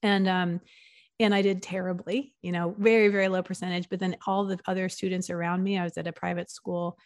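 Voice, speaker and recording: This East Coast woman in her forties, a nonprofit consultant guesting on a podcast interview, keeps her delivery upbeat and sincere while frequently starting over. She talks a little fast in a lowish, level voice, captured in a clean, echo-free studio.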